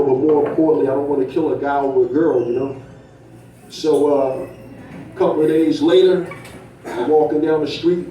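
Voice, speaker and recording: Man, stand-up comedian, high voice, mellow tone, profane storytelling, keeps asking "right?", echoey room, distant mic. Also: slight background noise. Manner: profane, tags lines with "right?". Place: comedy club stage.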